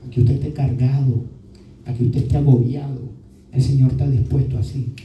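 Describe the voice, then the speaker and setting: Male pastor, sermon delivery, dark mellow voice, recorded from a distance. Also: medium pitch, level tone, a little fast, echoey room, slight background noise. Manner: often adds "¿verdad?" as a tag question.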